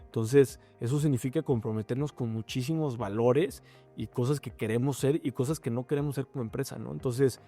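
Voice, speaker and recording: A young man with a Mexican accent, a startup founder talking through a relaxed, reflective interview with many fillers. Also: medium pitch, brisk, faint music behind. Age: young adult. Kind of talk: casual interview conversation.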